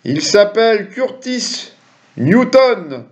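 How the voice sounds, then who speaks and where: Speaking extremely slowly in a high, very animated voice, this middle-aged quiz host reads questions to camera and chats jokingly with viewers. He's in a small room at home, picked up by a webcam or desk computer mic with dull lo-fi sound.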